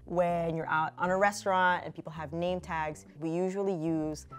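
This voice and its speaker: Her lowish voice holds a steady tone at a moderate pace as she co-hosts a laid-back travel conversation. She's a young adult woman from the Philippines with a Filipino accent, chatty and full of "like," recording on an indoor studio set furnished with a sofa.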